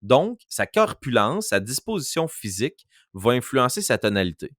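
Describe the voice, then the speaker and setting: A man's voice: medium pitch, sing-song, moderate pace, fairly bright tone, dry recording, clean studio sound. A man with a Quebec French accent, a game master chatting on a podcast and demonstrating voices as he explains. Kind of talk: casual podcast chat.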